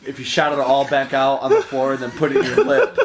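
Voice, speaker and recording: Teasing young man amid loud friends. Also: medium pitch, little pitch movement, quick pace, crowd noise. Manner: teasing, laughing commentary. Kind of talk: casual home video banter.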